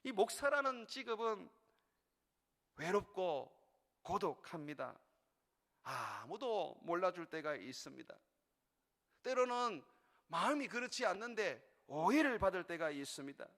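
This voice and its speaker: A middle-aged male pastor preaching a sermon in earnest, rising to urgent peaks and dropping to quiet, intimate passages. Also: high-pitched, sing-song, a little slow, long pauses. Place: church sanctuary. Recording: long reverb of a large church hall.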